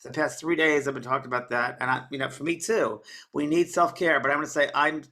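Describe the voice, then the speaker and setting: A man's voice: mid-range voice, steady tone, fast talker, sharp tone. A man working as a psychic medium, giving earnest, coaxing readings to audience members and calling them honey and baby.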